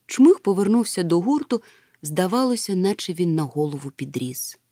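A woman narrating a children's storybook aloud with an expressive manner. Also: lowish voice, moderate pace, dry recording, clean studio sound. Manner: expressive, animated. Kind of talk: audiobook narration.

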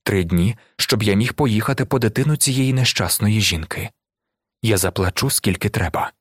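Calm, humble man pleading in a low, hushed voice, as a male reader puts him on; dry studio read. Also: normal speed, no room sound, lightly acted. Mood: pleading quietly. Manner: low, quiet, earnest. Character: calm, humble middle-aged man under arrest. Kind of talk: audiobook reading.

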